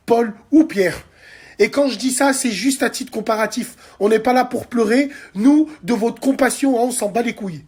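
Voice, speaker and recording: A French man in his forties, a social media commentator, rants angrily about politics into his phone at arm's length from a dark bedroom at night. His voice is very high with a breathy edge, and he's heated and crude, hurling insults and addressing his viewers directly.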